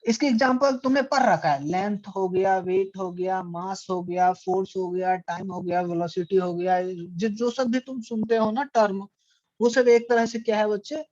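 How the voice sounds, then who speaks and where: A man's voice: high-pitched, steady tone, moderate pace, darkish tone, no echo. A man teaching an online physics class, asking the students questions and answering them himself. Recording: dry, dull lo-fi audio.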